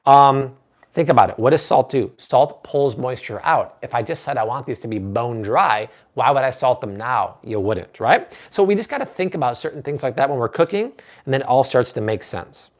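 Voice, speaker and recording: This thirtysomething cooking show host runs a live stream from his kitchen at home, bantering with the audience and reading comments aloud. He speaks in a mid-range voice at a moderate pace, sounding animated.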